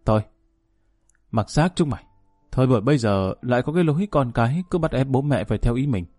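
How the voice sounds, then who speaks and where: A man's voice: medium pitch, lively intonation, quick pace, a little mellow, no room sound, faint music behind, close to an everyday voice. A man voicing a stern, aging father who speaks curtly and coldly, scolding his children. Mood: gruff. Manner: curt, scolding.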